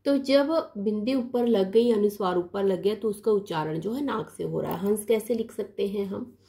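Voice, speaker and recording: A woman's voice: medium pitch, normal speed, gravelly, dark tone. A woman teacher explaining a grammar lesson patiently, repeating key terms and mixing English words into her speech.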